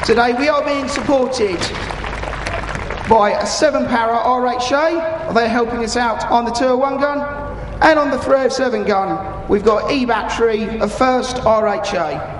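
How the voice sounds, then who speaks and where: Over an echoey arena PA, with the crowd and noise around him, a British man in his thirties informally explains a military display to onlookers in live commentary. His voice is very high-pitched and moves at a normal pace.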